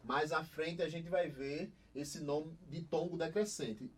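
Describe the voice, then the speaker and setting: A young Brazilian man with a lively, slightly high voice gives a recorded online class, asking the students questions and answering them himself. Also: slow pace, husky. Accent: Brazilian Portuguese. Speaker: Portuguese teacher.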